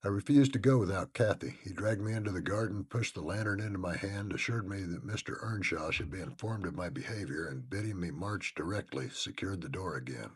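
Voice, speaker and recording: A man giving an expressive first-person dramatic reading of a classic novel. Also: low-pitched, brisk, few pauses, husky. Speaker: audiobook reader.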